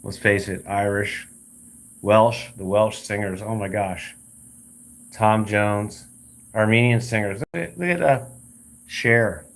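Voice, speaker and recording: A man's voice: lowish voice, slow, pauses often. A man talking in a blunt, rambling, repetitive way in a casual vlog rant, recorded outdoors by a road. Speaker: realtor vlogger.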